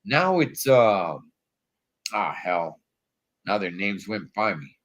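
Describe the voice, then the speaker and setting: His voice sits on the low side, sing-song and unhurried, as this man hosts a laid-back wrestling livestream from a hotel room. Allergies have left his nose stuffy, and he uses slangy talk, calling his viewers "dog" and "Holmes."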